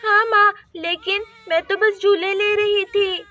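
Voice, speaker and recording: A woman's voice: very high voice, fairly even intonation, measured pace, bright, forceful tone, dull audio, full character voice. A woman voicing two young daughters who whine and plead in a doll story. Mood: whiny. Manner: whiny, pleading, tearful.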